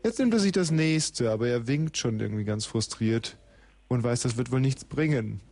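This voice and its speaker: A male radio host chats live on air. He jokes, laughs often and narrates what is happening in the studio like a sportscaster. His voice sits at a middle pitch. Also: expressive, normal speed, darkish tone. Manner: joking, frequent laughter, mock play-by-play.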